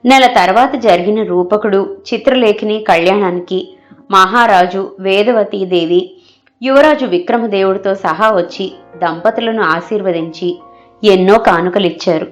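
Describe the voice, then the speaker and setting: A woman narrating a folk tale in a steady, measured storytelling voice. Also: medium pitch, faint music behind.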